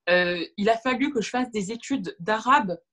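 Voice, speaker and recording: On a webcam video call from a room at home with shelves, a woman in her thirties whose first language is Arabic is interviewed as a guest. Her medium-pitched, fairly bright voice has lively intonation at a normal speed. She speaks reflectively, gesturing, with frequent fillers and restarts.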